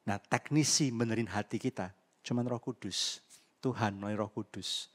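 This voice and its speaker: Animated man preaching a sermon. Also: lowish voice, normal speed. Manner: animated preaching with call-and-response. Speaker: pastor. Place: church service.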